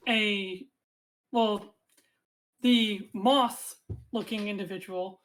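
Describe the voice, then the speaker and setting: A woman narrating a tabletop game as game master, describing scenes in a measured way with frequent fillers. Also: on the high side, rough recording.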